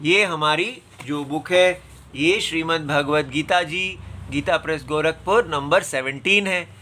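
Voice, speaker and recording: A man teaching a scripture class, patiently explaining and breaking words apart syllable by syllable, sometimes reciting verses in a slow chant. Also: a little high, sharp tone.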